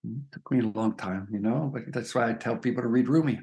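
A man's voice: mid-range voice, quick pace, darkish tone. A man speaking as a spiritual teacher in an interview, earnest and emphatic, often checking in with "right?". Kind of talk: reflective conversation.

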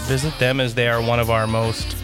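A man's voice: mid-range voice, level tone, a little fast. Male podcast host over music. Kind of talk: casual talk show hosting with sponsor reads.

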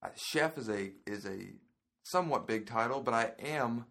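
A young man from Indiana who is training as a chef, chatting as a podcast guest in a relaxed, laughing way with lots of hesitations. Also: medium pitch, normal speed. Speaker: podcast guest, culinary student. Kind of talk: casual chat.

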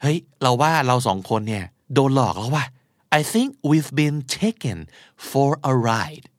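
A man teaching English vocabulary and idioms, acting out example lines in English with animated delivery. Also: medium pitch, quick pace, dry recording, studio quality. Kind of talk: vocabulary lesson.

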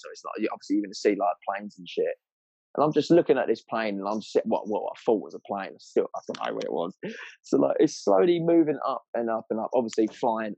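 Fast-talking southern English man, rambling and matey. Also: on the low side, creaky, a little mellow, slightly rough, dry recording, lo-fi sound. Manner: rambling, sweary, matey, slangy. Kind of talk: casual anecdotal chat.

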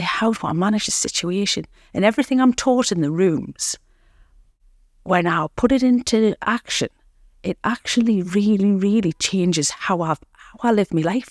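A woman's voice: mid-range voice, no echo, clean studio sound. A woman guest on a podcast, telling her recovery story earnestly and reflectively, often repeating words and saying "you know". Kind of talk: candid recovery interview.

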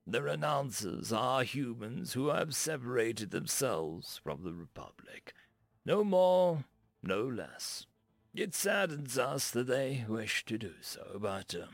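Man playing a calm, dignified human envoy. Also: medium pitch, creaky, no room sound, heavily acted. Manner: calm, measured, slow.

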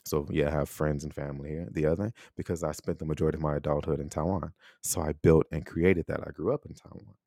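A man's voice: extremely low pitch, steady tone, quick pace, hardly any pauses, dark tone, dry recording, clean studio sound. An American man hosting a solo podcast, talking reflectively and conversationally and often checking in with a rhetorical "right?". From United States. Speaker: podcast host.

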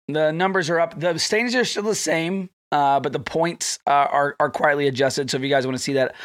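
A man's voice: medium pitch, dry recording, clean studio sound. A man hosting a casual podcast while sick, his voice strained, chatting in a rambling way with fillers. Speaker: podcast host.

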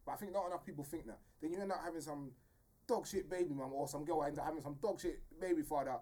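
A man's voice: fairly high pitch, fast talker, mellow. A man in his twenties with a London roadman accent, giving opinions in casual street slang and often checking he is understood. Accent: London roadman, urban street. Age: 20s.

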